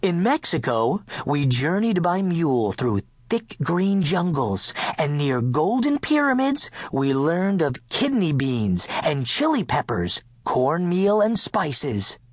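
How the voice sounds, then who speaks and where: A man narrating a children's picture book in first person as a dog, playful and expressive. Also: a little high, slow pace, few pauses, dry recording. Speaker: audiobook narrator.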